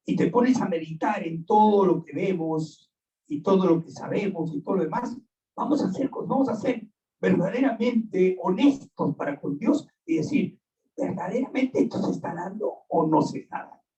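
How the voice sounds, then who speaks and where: Emphatic preaching pastor, echoey and distant. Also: male voice, sits high, normal speed, dark tone. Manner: emphatic, preaching with repetition and direct address. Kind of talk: sermon. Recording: echoey and distant, dull sound.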